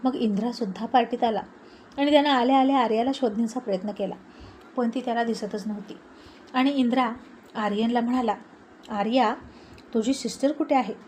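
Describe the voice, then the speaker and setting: Woman narrating a story, fairly high voice. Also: fairly quick, slight background noise, poor audio. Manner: steady storytelling.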